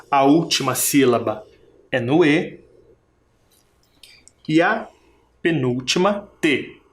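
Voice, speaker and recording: A primary school teacher giving a recorded video lesson, patiently stretching words out and sounding out each syllable while asking the children questions. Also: mid-range voice. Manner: patient, asks the class questions.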